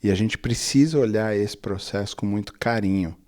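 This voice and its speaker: Low mellow-voiced Brazilian pastor. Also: male voice, moderate pace. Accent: Brazilian Portuguese. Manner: reflective, builds points through long lists. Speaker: pastor and guest.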